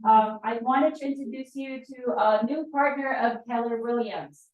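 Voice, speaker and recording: A woman's voice: a little high, a little slow, a little mellow, lo-fi sound. A woman, presenting at a meeting in a hesitant way with many fillers. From Philippines. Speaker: transaction coordinator. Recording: very echoey room, voice far from mic.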